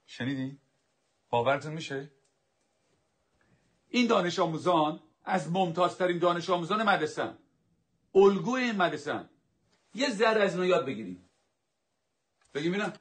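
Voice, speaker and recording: A man's voice: high voice, lively intonation, long pauses, husky. A man playing a stern, authoritarian teacher who drills his class with commanding, dismissive orders. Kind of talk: dubbed drama acting.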